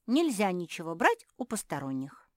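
A woman's voice: lowish voice, sing-song, normal speed, no echo, clean studio sound, pitched above the performer's own voice. A woman voicing a curious, cautious young female pug who keeps asking questions. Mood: puzzled. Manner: puzzled, questioning.

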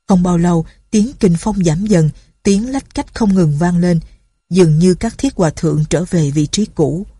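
A woman narrating a martial arts novel as an audiobook in a steady storytelling manner. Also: fairly low pitch, moderate pace, husky, no echo.

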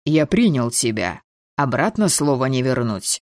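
A cold, domineering man, as a reader puts him on issues slow commands in a storybook reading, set a little lower than the narration and held back. The voice is dry and close. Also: big pitch swings, dry recording. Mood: commanding. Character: cold, domineering older man, ruthless father. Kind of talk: audiobook character voicing.

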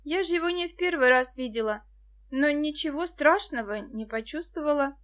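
Woman voicing a shy schoolgirl in an audiobook, soft but sure, high voice. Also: animated, moderate pace. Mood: earnest. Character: young girl Musya, shy but firm.

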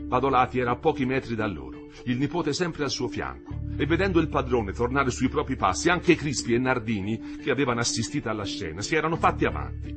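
A man reading a literary novel aloud with an expressive, dramatic delivery. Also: mid-range voice, quick pace, hardly any pauses, music in the background. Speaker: audiobook reader.

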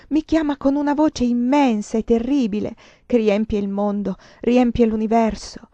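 A woman's voice: mid-range voice, no echo. Female reader, theatrical literary narration, dull dry lo-fi recording. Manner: theatrical, swings from hushed to crying out. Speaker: reader of a novel. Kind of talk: dramatic literary reading.

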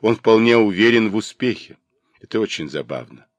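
A mocking young lady of the gentry, as a man reading a novel aloud puts her on. She talks fast and sharp, her pitch lifted a little above the reader's low voice and moving in lively swings. The sound is close and dry. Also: no echo, lightly acted.

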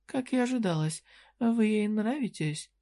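A woman's voice: medium pitch, expressive, a little slow, warm tone, voice pushed up. A reader putting on a sly, teasing female merchant. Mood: flirty. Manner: teasing, flirty, businesslike. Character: sly cheerful female dungeon merchant, shrewd. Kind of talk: audiobook character reading.

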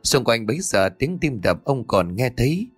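A man's voice: medium pitch, big pitch swings, normal speed, breathy edge, no room sound, soft background music. A man narrating a scripted horror story as a dramatic storyteller. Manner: dramatic storyteller, voices every character.

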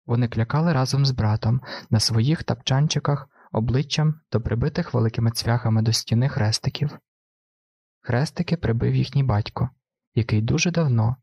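A man reading a literary audiobook in a steady, unhurried narration. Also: medium pitch, husky, no room sound. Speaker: audiobook reader.

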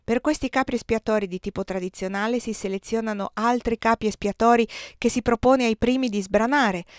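A woman's voice: medium pitch, no room sound. Woman reading a novel aloud, dry sound. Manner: measured, expressive narration. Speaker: audiobook reader. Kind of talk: literary audiobook reading.

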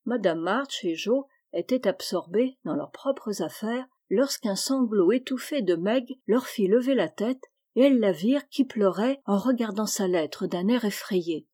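A woman reading a classic novel aloud as audiobook narration, measured and expressive. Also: mid-range voice, breathy edge. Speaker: audiobook reader.

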